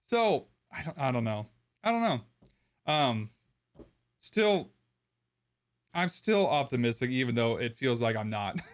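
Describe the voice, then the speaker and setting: A man who makes gaming videos, ranting to his viewers in a frustrated, rambling way with many restarts, his voice going hoarse. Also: mid-range voice, expressive, measured pace, long pauses. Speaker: gaming content creator. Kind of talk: opinion rant to camera.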